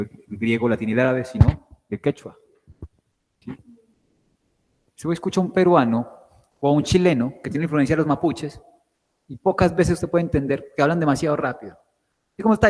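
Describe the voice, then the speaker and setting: A man with a medium-pitched, darkish voice and a long reverb tail gives a guest lecture on word parts. He explains through questions and keeps checking that the class follows by asking "right?" or "¿sí?".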